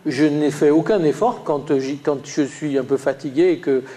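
A man's voice: fairly high pitch, moderate pace, dark tone. Hesitant lecturing man with a Lyonnais lilt. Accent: Lyonnais French, slight. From Lyon, France. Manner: hesitant, many "euh" fillers and restarts. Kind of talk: classroom lecture with slides.

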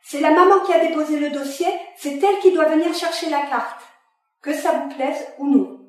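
A woman's voice: high voice, a little slow, a little mellow. Woman reading as a combative office director, curt and taunting, distant in a roomy space. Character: brusque female office director, combative, mocking. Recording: echoey room, voice from far off.

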